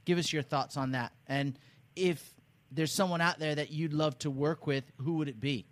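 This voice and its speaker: A man's voice: on the high side, fairly even intonation, normal speed, dry recording. A man hosting a casual interview in an effusive, rambling way, restarting his phrases. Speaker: interview host.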